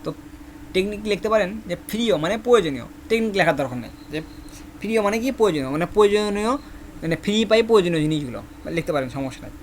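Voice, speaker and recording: A high-pitched man teaches a Korean vocabulary class, saying each word again and again and quizzing his students. A faint hiss of background noise runs under his voice. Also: lively intonation, fast talker. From Bangladesh. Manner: repeats each word many times, asks the class questions. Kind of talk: classroom lesson with memory tricks.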